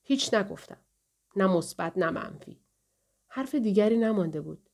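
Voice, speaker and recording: A woman reading a novel aloud in the first person, calm, measured and somber. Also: mid-range voice, gravelly. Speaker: audiobook narrator.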